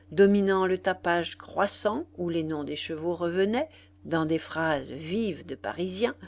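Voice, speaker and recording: Slow, expressive woman reading a novel. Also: mid-range voice. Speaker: audiobook reader. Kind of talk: literary audiobook narration.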